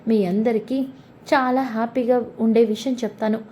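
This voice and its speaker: Brief: woman as a proud young bride, sharp-tongued, fairly high mellow voice. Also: steady tone, normal speed, a little hiss or hum, lightly acted. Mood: cheerful.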